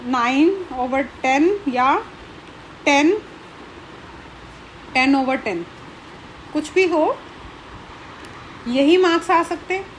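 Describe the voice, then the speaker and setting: A woman's voice: high-pitched, slight background noise, rough recording. A woman teaching a school math lesson, explaining patiently, checking in often and counting items aloud one by one.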